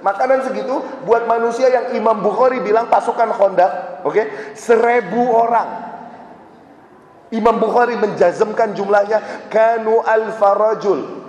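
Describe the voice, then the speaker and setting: A man's voice: sits high, muffled recording. A man preaching in a large mosque, telling stories animatedly, mixing in Arabic phrases, and acting out the voices of the people in them. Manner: animated storytelling, acts out quoted voices, mixes in Arabic phrases. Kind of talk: mosque lecture. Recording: echoey mosque hall recording with faint background noise.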